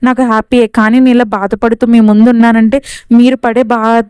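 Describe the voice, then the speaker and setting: A gentle young heroine answers politely and softly, as a woman narrator voices her. The voice is clear and a bit high and moves quickly. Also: level tone, dry recording, clean studio sound, natural voice.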